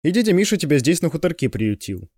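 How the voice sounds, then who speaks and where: A man's voice: a little high, big pitch swings, fast, darkish tone, husky, no room sound, voice pushed up, exaggerated voice. A man voicing a tough male stalker who speaks bluntly with dry irony. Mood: wry.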